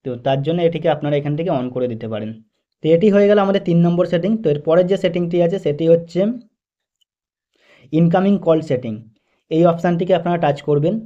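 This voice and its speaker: A tech tutorial host with a slightly high, dark-toned voice narrates a step-by-step phone tutorial at a quick pace. He's methodical and instructional, repeating his phrasing, and the voice-over recording sounds dull and lo-fi.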